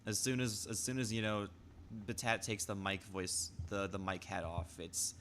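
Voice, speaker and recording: Young male streamer, casual rambling chat, stammers a lot, lowish but bright voice. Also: normal speed, slight background noise. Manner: rambling, stammers and restarts, reads chat aloud.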